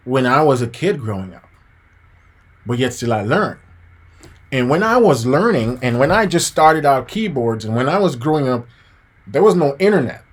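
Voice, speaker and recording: A husky, medium-pitched male voice comes from a Jamaican man in his thirties who teaches piano and is live-streaming a motivational lesson. He keeps things casual but preachy, saying "guys" and "man" to viewers and circling back over his central points.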